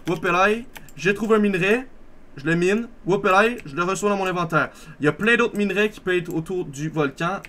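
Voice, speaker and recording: Fast-talking young man touring his game server. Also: fairly high pitch, a bit bright, a little hiss or hum. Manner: rambling, self-correcting, upbeat asides. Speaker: server owner giving a tour. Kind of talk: casual gameplay walkthrough.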